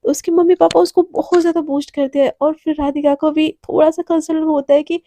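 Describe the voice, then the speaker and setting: A woman's voice: sits high, level tone, fast talker, mellow. A woman narrating a romance story in a casual, chatty way, with asides to her listeners.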